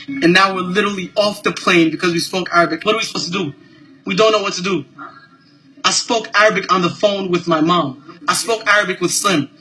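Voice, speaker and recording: An upset, tearful man vents into his phone camera at an airport, his voice pitched high and sharp. He talks fast, repeats himself and curses in a heated rush. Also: faint music behind. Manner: heated, rapid, repetitive, cursing. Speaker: passenger filming an incident. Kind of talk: agitated first-person vlog rant. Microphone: handheld phone camera.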